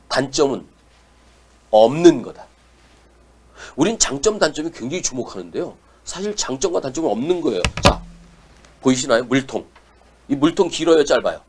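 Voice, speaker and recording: A man giving a lecture to parents, animated and often putting questions to the audience. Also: medium pitch, breathy edge.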